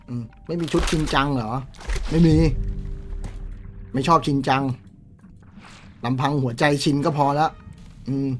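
A young man streaming a game live, chatting with viewers in a crude, swearing, excitable way. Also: a little high.

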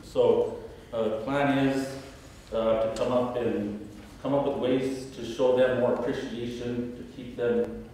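A man answering questions as a school board candidate at a podium, halting with fillers and restarts. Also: mid-range voice, little pitch movement, mellow, slight background noise. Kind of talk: candidate forum answers, unscripted. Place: large auditorium stage at a podium. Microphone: podium mic from a far camera. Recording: echoey hall heard from far off.

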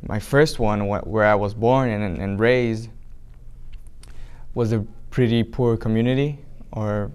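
Young Brazilian man, hesitant, smooth voice. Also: on the low side, fairly even intonation, a little slow, a little mellow. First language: Portuguese. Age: young adult. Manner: hesitant, many restarts and fillers. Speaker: documentary subject. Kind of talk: interview answers. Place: small indoor room with flag backdrop.

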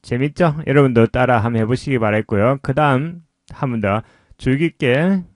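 A man teaching English pronunciation, explaining slowly and patiently in a lesson voice-over. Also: mid-range voice, no room sound, clean studio sound.

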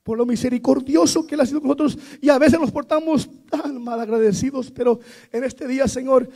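A man preaching a Pentecostal sermon in church, building from quiet storytelling to shouted praise. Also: very high-pitched, steady tone, fairly quick, creaky.

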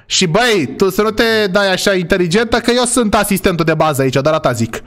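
A man with a high voice chats his way through a role-play game. He talks in an excitable, slangy way and often bursts out with exclamations as things happen on screen. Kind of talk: animated let's-play commentary with role-play.

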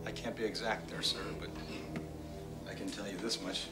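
Actor as earnest American analyst, low-voiced. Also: male voice, flat delivery, loud music behind the voice, close to an everyday voice. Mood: grave, explanatory. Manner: grave, deliberate, deferential but firm. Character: earnest, articulate male intelligence analyst briefing superiors. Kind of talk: film drama acting. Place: conference room.

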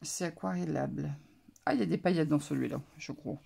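Low, gravelly-voiced woman vlogger. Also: a little fast, mellow. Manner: hesitant, musing, many fillers. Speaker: craft vlogger. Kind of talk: casual show-and-tell haul.

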